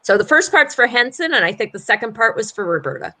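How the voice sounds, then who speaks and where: A woman's voice: on the high side, very animated, quick pace, sharp tone. A woman moderating a video-call panel, friendly and rambling, with many fillers.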